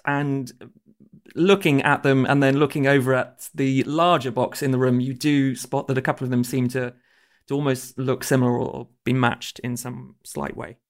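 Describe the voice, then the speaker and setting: Male game master, middle register, improvised and slightly halting narration. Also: mid-range voice.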